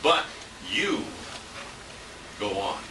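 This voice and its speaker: Speaking extremely slowly in a lowish voice with lively intonation, a radio colleague delivers an informal tribute at a restaurant dinner, telling rambling stories and chuckling. Recorded indoors on a handheld compact camera from a distance, the audio is noisy and roomy.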